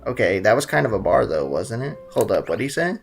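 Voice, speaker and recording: A young male gaming YouTuber rambles through let's-play commentary with loose, excitable jokes, game music playing faintly behind him. His voice is lowish, brisk, and gravelly.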